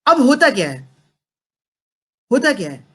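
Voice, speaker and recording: Speaking a little slowly, a parenting coach addresses an audience in a very high, fairly bright, slightly rough voice whose pitch swoops wildly. He moves between Hindi and English, constantly asking "am I right?".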